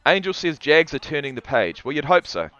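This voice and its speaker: A man's voice: on the high side, sing-song, brisk, pushed and bright, no room sound, highs cut off. A man with a New Zealand accent casually commentating a football livestream and reading out chat, rambling and restarting often.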